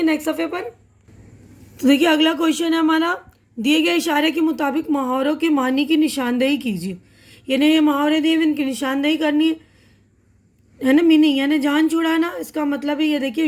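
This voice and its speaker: Woman teacher, high voice, patient, repeats each word and its meaning, drops in English terms. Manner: mixes in English words. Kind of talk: classroom lesson explanation.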